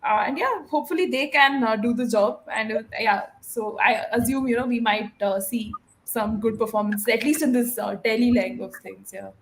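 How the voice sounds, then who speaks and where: A young woman co-host breaks down the game in a casual, thoughtful way. Her voice sits a touch high, and she fills pauses with "uh" and "you know" as she works through her points. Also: slight background noise. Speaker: cricket watchalong co-host and analyst. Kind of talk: casual cricket analysis.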